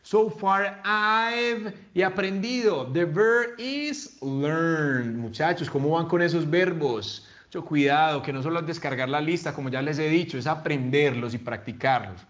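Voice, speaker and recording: A man's voice: a little high, moderate pace, few pauses, a bit bright, lo-fi sound. Man teaching English grammar. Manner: switches between Spanish and English, patient explanations; checks in often with the class. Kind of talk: recorded online grammar lesson.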